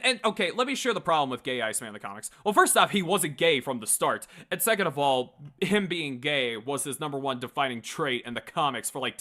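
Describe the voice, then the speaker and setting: A sharp-toned man with a higher voice hosts a livestream, giving loose, rambling fan commentary. He's blunt, swears a lot, and aims his opinions at the live chat.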